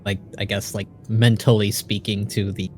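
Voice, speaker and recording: A man's voice: on the low side, little pitch movement, normal speed, a little mellow, faint music behind. A man playing a tabletop game who asks questions casually and hesitantly, with many fillers. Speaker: player.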